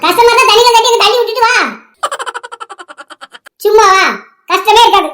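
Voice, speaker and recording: A woman voicing a stubborn, bickering old grandmother in a cartoon, with a squeaky, shrill voice and a Tirunelveli Tamil accent. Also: normal speed, over loud music. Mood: teasing. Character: bossy old grandmother, mother-in-law.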